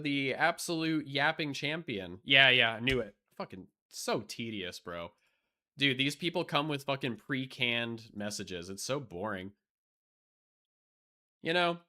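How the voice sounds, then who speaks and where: A young man chats casually on a live stream in a mid-range voice with a bright, forceful tone. He's blunt and profane, rambling with lots of fillers and restarts, and his voice is giving out.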